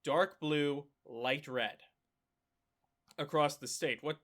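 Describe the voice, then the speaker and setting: A man's voice: fairly high pitch, slow. Man, stuffy nose, casual election map breakdown, fillers and restarts, sudden "ooh" reactions. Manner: thinks aloud with frequent fillers and self-corrections; excited exclamations. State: clogged nose. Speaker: political commentary YouTuber. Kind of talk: casual screen-share analysis.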